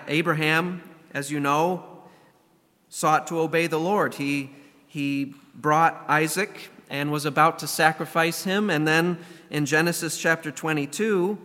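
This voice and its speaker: A man preaching as a pastor, his voice congested and stuffy from a cold, speaking in a measured, earnest way. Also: fairly high pitch, pushed and bright. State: getting over a cold. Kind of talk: sermon with prayer and scripture reading. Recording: long hall reverb.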